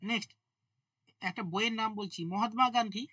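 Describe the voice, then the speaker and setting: A man teaching a current affairs exam-prep class, dictating quiz questions slowly and spelling words out letter by letter, with chatty asides to his students. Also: high-pitched, fairly even intonation, sharp tone, no echo.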